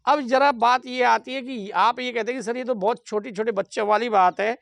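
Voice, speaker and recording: A man's voice: extremely high pitch, fairly even intonation, normal speed, vocal fry, fairly bright tone, no echo. Indian man lecturing, quizzing the class. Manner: asks the class questions and answers them himself. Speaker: English teacher.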